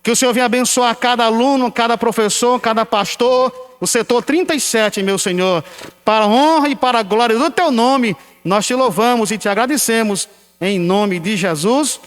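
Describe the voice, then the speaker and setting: High-voiced pastor in reverberant hall. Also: male voice, normal speed. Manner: prays with constant repeated invocations. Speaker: pastor leading closing prayer. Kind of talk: church anecdote and fervent prayer. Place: church hall. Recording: long church-hall reverb.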